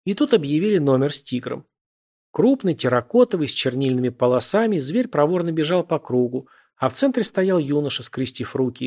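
A man narrating a novel as an audiobook in an expressive, vivid reading. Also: mid-range voice.

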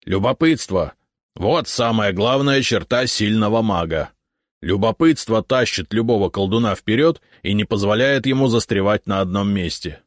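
A man's voice: fairly low pitch, moderate pace, dry recording, clean studio sound, pitched above the performer's own voice, lightly acted. A man voicing the curious, enthusiastic left head of an ancient three-headed dragon guardian, argumentative and triumphant. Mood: eager.

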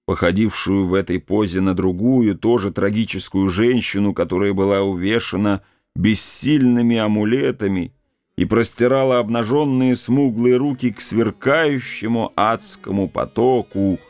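A man giving a grave, measured reading of a literary novel as the first-person narrator. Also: fairly low pitch, darkish tone, no echo. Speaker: audiobook narrator.

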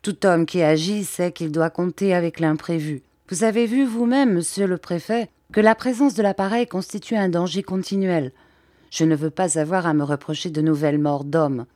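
A grave English gentleman-scientist speaks in a measured, formal way, as a woman reader voices him. He sounds low and close in a dry recording. He is an audiobook character. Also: no echo, natural voice.

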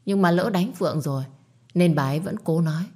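A woman narrating a dramatic story, with a steady, expressive reading style. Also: fairly low pitch, a little fast.

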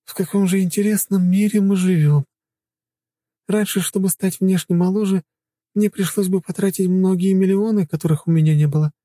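Мужчина изображает усталую помолодевшую женщину. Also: male voice, sits high, steady tone, normal speed, dark tone, no room sound, studio quality, voice pushed up, natural voice. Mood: weary wonder. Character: weary woman, suddenly made younger, dazed. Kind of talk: audiobook narration.

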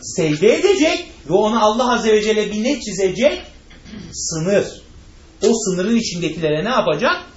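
A man gives a lecture to a class in a fairly high, very lively voice that rises and falls. He keeps putting questions to his listeners and answering them himself. The sound is roomy and a little dull, like a lo-fi classroom recording. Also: normal speed. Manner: addresses listeners directly. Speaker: religious teacher.

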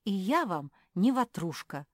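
A chatty young female cat, eager and quick to take offence, speaking in a brighter, higher voice, as a woman voices her. The sound is dry and close, with a slow, careful reading pace. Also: big pitch swings, dry recording. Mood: indignant.

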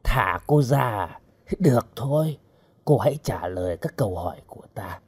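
A man voicing a brutal wanted outlaw interrogating a captive, talking in a low, gruff, threatening growl. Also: animated, normal speed, a little mellow. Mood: menacing.

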